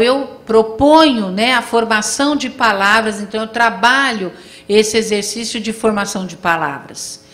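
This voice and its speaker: A woman's voice: on the high side, sharp tone. A woman lecturing to a live audience, explaining step by step and often checking in with her listeners. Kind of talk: classroom lecture.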